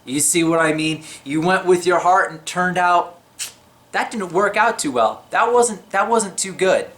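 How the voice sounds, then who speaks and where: A man's voice: high voice, unhurried, a bit bright. A man talking casually to camera about faith, chatty and unscripted, his voice slightly shaky. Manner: chatty, unscripted, with many fillers and restarts. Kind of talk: casual religious talk to camera.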